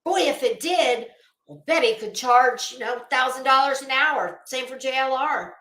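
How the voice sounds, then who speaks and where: Her voice sits high with a fairly bright tone, moving at a moderate pace through reverberant audio. She runs an opinionated livestream, talking to viewers in a scornful, blunt, emphatic way and repeating lines for emphasis.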